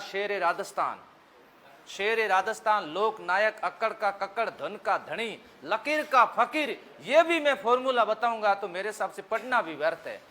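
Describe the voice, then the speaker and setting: A man's voice: sits high, sharp tone. A man with a Rajasthani accent teaching a history lesson for exam students in a folksy, joking way, asking questions and answering them himself.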